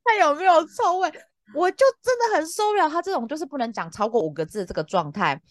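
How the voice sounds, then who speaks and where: 活泼激动的台湾女主持人. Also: female voice, fast, no room sound, clean studio sound. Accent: Taiwanese Mandarin. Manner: exasperated, lively, laughs often, big pitch jumps. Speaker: podcast co-host. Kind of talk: casual chat, animated storytelling.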